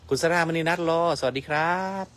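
A man's voice: on the high side, fairly even intonation, a little fast, fairly bright tone. A man in his fifties hosting a live stream, chatting politely with viewers as he moves around outdoors. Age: 50s. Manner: polite, chatty, often ends with "krap phom". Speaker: livestream host. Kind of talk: casual live-stream chat.

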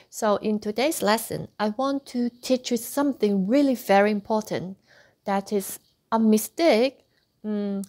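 A woman's voice: medium pitch, a little mellow. A woman teaching an online language lesson, patiently repeating sounds for practice. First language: Cantonese. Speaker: Cantonese teacher.

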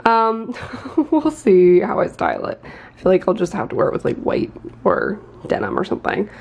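A gravelly, slightly mellow, medium-pitched voice with huge pitch swings moves at a normal speed. It's a woman in her twenties chatting into her handheld phone in her bedroom for a casual vlog, rambling somewhat and laughing occasionally.

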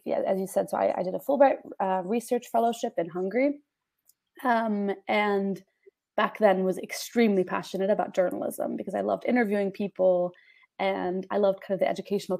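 A woman in her twenties speaks from a room at home on a video call. Her mid-pitched voice often slides into a creaky rasp. She talks casually, stringing thoughts together with "like" and "um.". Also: a little mellow. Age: 20s. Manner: chatty, with many "like" and "um" fillers. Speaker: panel guest, venture investor. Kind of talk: casual panel talk. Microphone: video call webcam.

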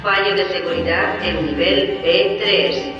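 Impassive game alarm system: slow, high, formulaic, in long reverb. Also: male voice, highs cut off. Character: impersonal automated security alarm announcer. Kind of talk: video game public-address announcement. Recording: reverberant PA, distant, music behind.

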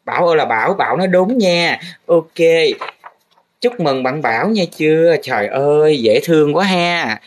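A man's voice: on the high side, animated, moderate pace, slight background noise. A young man playing a comic art teacher grading students' drawings, teasing and full of exaggerated exclamations. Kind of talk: comedic teacher role-play monologue.

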